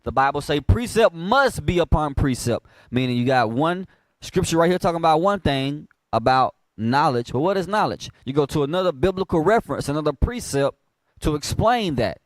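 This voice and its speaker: Male Bible teacher in preaching mode, slightly high voice, dry close sound, big shifts between hushed and shouted lines. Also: expressive, normal speed, no echo. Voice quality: call-and-response delivery, prompting a reader. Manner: swings from low, quiet asides to loud, high emphatic bursts.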